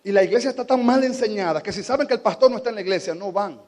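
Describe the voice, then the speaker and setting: A man with a Dominican Spanish accent preaching a sermon as a pastor, moving between quiet teaching and fervent, shouted exhortation. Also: high-pitched, racing, in a large hall.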